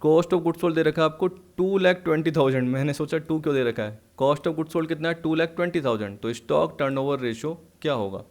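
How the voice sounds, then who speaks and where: On a lesson video, a man teaching accounts solves exam questions by asking and answering his own questions, mixing in English terms. His voice is on the high side and a little mellow, fairly quick with hardly any pauses, and at times he sounds short of breath.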